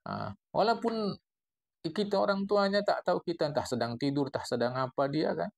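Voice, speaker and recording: Animated gravelly man with a Medan accent. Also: fairly high pitch, brisk. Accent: Medan Malay. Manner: lively, digressive, playful wordplay while explaining text. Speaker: religious teacher. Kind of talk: classical Islamic text study lesson.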